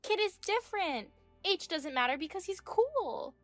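A woman's voice: extremely high pitch, sing-song, a little slow, fairly bright tone, dry recording, faint music behind, pitched above the performer's own voice, heavily acted. A woman voicing a smug young female medical student in her twenties who mocks and talks down to an older wife. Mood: taunting. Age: 20s. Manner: mocking, condescending.

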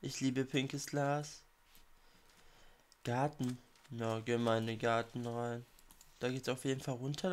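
A man with a cold giving casual commentary while playing a video game, muttering his reactions to himself. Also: medium pitch. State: has a cold. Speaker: let's play gamer.

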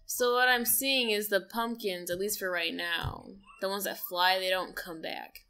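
Bright-voiced young woman joking along. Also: medium pitch, steady tone, measured pace, clean tone. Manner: joking, teasing, slangy. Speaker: co-player. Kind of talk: casual let's-play chat.

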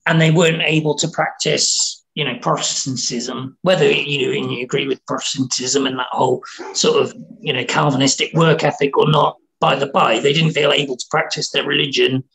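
Man from Wales, creaky gravelly voice, interview guest, halting, restarts a lot. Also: a little high, lively intonation, a bit bright, low-quality recording. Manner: halting, with many restarts and repeated words. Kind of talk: casual conversation.

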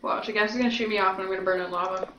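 A woman gamer in casual gaming chat, excitable and giggly. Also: medium pitch, racing, muffled recording. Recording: noisy, echoey home mic.

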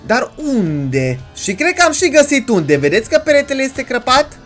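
A young woman giving chatty, excitable commentary as she plays a horror game, shrieking when startled. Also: sits high, faint music behind. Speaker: gaming YouTuber.

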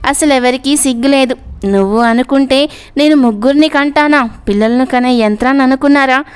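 A woman's voice: high voice, brisk, smooth, close to an everyday voice. A woman voicing a cheeky, easily sulking young woman in a serialized story reading. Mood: indignant. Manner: playful, pouting.

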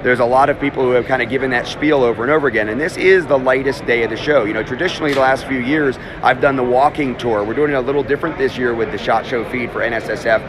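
A man in his fifties rattles through a live walk-and-talk vlog, cutting himself off and starting over as he goes. He holds his phone out at arm's length inside a huge indoor trade show hall. A loud crowd hums around him. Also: mid-range voice. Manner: fast, chatty, self-interrupting. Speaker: host. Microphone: phone held at arm's length. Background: crowd chatter.

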